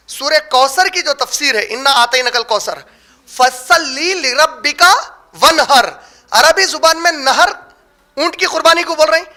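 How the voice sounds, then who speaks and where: A man's voice: very high-pitched, vocal fry, bright, forceful tone. A man giving a religious lecture, explaining terms step by step and asking rhetorical questions that he then answers himself. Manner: slows down to stress key words. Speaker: Islamic preacher. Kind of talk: religious lecture on prayer rulings.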